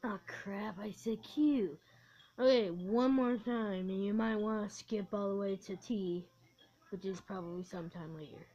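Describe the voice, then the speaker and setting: A woman's voice: mid-range voice, unhurried, mellow, lo-fi sound. A woman chatting informally and playfully to the camera, like an amateur video creator. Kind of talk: casual chat to camera.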